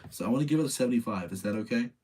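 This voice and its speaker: Racing along in an expressive, medium-pitched voice that's husky and a little mellow, a livestream host reviews movies. He chats casually, rambling with opinions and hammering points through repetition.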